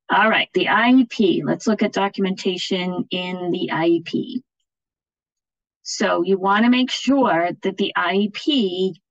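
On an online video-call webinar, a woman who trains education officials walks through slides in an informal, plain-spoken way, often checking in with her listeners. Her voice sits on the low side, and the recording is dry and rough.

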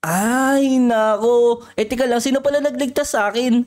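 A woman hosting a Minecraft role-play channel, excitable and talking straight to her viewers. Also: fairly high pitch, moderate pace. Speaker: gaming YouTuber, host.

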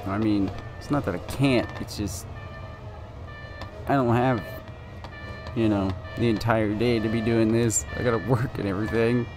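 A man's voice: on the low side, steady tone, moderate pace, long pauses, over music. A man giving live commentary while playing a driving game, nervous and pleading as he keeps urging the car on. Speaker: gaming video creator.

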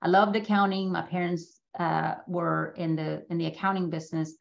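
A woman with a lowish, steady voice and vocal fry speaks at a moderate pace, and the recording sounds muffled. This middle-aged guest speaker from Mexico City gives a business school an informal slide talk about her life, using a video call microphone in an indoor room and often checking in with the audience.

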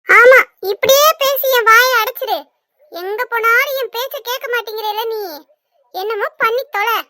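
Someone doing a shrill, furious cartoon mother. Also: normal speed, sharp tone, no room sound. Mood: angry. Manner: harsh, scornful scolding. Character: angry scolding mother of a young man. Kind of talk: cartoon voice acting.

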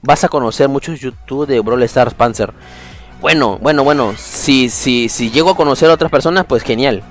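A man streaming a video game, chatting casually with his viewers and breaking into excited exclamations. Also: mid-range voice, normal speed, faint music behind. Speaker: gaming streamer. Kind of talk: casual livestream commentary.

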